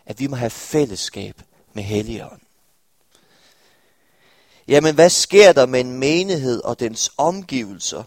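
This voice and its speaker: A man's voice: medium pitch, no room sound. A young man from the area of Denmark, preaching a sermon to a congregation and often turning to his listeners with questions. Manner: earnest, addresses listeners with questions. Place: church hall with congregation.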